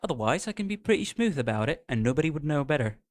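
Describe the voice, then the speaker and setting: A male streamer reacting to game music chats casually and excitedly with his viewers in a casual live stream. His voice is a little high and fast, with a light Indian accent blended with American and British tones.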